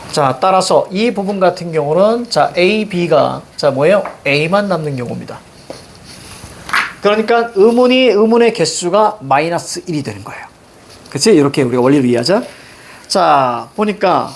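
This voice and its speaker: A man's voice: sits high, a little hiss or hum. A male teacher giving a classroom grammar lesson, questioning students and repeating key words.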